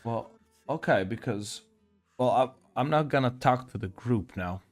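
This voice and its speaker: A man's voice: mid-range voice, a little slow, soft background music. A man playing a tabletop game, chatting casually and politely asking what words mean. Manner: polite, asks about word meanings. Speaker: player.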